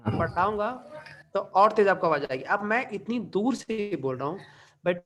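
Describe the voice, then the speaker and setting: A man's voice: sits high, expressive, moderate pace, sharp tone. A man running a live online class, explaining studio gear casually and checking in often with his students, heard through different mics and at times from far off. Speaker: online teaching trainer. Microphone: USB studio mic and headset mic in turn.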